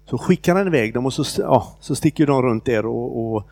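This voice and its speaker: Speaking off the cuff, a male preacher retells a scripture passage during an informal sermon. He has a gravelly, fry-tinged voice pitched in the middle range, and his delivery halts with fillers and false starts. The audio is close-miked and dry.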